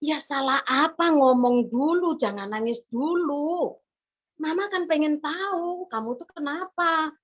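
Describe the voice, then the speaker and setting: A woman plays a calm, caring mother who soothes her son and gives him firm instructions, coaxing yet steady. Her high-pitched voice is unhurried with lively intonation, and the recording is slightly muffled.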